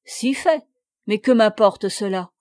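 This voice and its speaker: A swaggering huguenot captain, rough-edged and loud with drink, as a woman narrator puts him on in a storybook reading. He sneers and blusters, delivered at a slow, deliberate pace in a dry, close recording. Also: mid-range voice, animated, no room sound. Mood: scornful. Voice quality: rough, boisterous. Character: brash drunken male huguenot captain, mocking.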